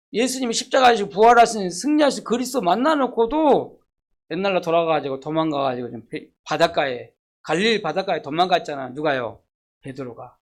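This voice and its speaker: A pastor delivers an emphatic sermon, firing rhetorical questions at the congregation. The voice rises to loud emphasis, then drops to soft, low asides. Scripture quotes are read slowly and deliberately. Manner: reads scripture quotations slowly.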